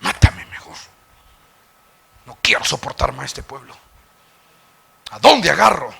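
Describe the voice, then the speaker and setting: A man preaching a sermon as pastor, asking the congregation questions and acting out Bible figures with sudden shouts. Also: a little high, sing-song, normal speed, vocal fry, breathy edge. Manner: dramatic, acts out Bible characters with sudden shouts; questions the congregation and answers himself. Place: church sanctuary.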